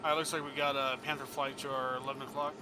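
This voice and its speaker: Flat, quick man through oxygen mask radio. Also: mid-range voice. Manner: procedural, matter-of-fact. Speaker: flight sim pilot, flight lead. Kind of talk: clipped military radio calls in a flight sim. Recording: very noisy cockpit radio channel.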